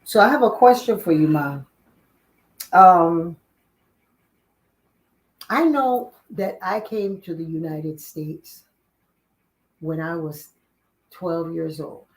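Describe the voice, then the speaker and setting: An older woman from Panama leads a casual family interview with her mother. She is warm and encouraging, and she often fills in and restates the answers. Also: fairly low pitch, slow pace, long pauses, low-quality recording. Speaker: interviewer, daughter.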